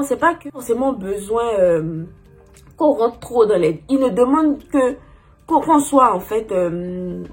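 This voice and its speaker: A young woman telling a personal story in a casual, chatty way, full of fillers, with a husky voice. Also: fairly high pitch. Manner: chatty, lots of "genre" and "en fait" fillers.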